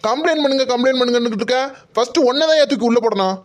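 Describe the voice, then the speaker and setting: A man's voice: extremely high pitch, very fast. A man voicing a pushy investigating officer who talks down to staff and scolds impatiently. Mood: bossy. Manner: bossy, scolding.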